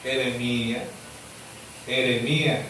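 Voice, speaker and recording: A male pastor with a Zulian Venezuelan accent, preaching a sermon in which he swings from high shouted questions to low muttered asides. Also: level tone, slow, a little hiss or hum. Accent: Zulian Venezuelan Spanish. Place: church hall. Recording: echoey church hall, mic far off.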